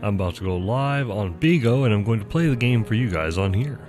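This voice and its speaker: Faint music plays behind a gaming streamer whose voice sits on the low side, expressive, fairly quick, and a little mellow. Allergies leave him stuffy-nosed as he offers casual, rambling, self-deprecating game commentary.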